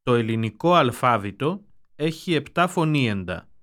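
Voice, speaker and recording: A man reading example sentences for a language lesson in a slow, careful way. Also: medium pitch, lively intonation, fairly bright tone.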